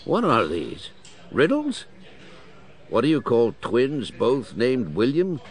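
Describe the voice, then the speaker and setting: An actor playing a baffled, gruff male police commissioner in a children's audio drama, puzzled and exclamatory. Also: mid-range voice, wildly swooping pitch, slow pace.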